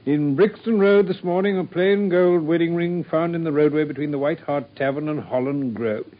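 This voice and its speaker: A man's voice: a little high, moderate pace, close to an everyday voice. A man playing polite, hesitant Doctor Watson. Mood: reading. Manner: polite, hesitant, slightly bewildered. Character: loyal earnest male army doctor companion. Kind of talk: 1950s BBC radio drama acting. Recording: dull lo-fi old radio broadcast.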